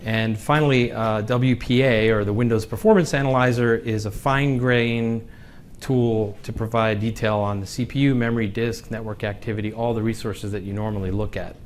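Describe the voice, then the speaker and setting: A man presenting a technical session at a conference, relaxed and joking, with some fillers. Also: fairly low pitch, moderate pace, slight background noise. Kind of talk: conference tech talk. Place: conference room.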